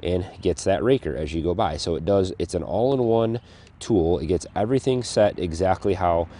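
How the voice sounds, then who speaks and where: A man's voice: low voice, lively intonation, normal speed, warm tone, a little hiss or hum. A man hosting a homestead channel, explaining a tool outdoors in a casual, rambling way full of restarts and fillers. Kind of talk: casual hands-on tool demonstration. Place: outdoors on a farm.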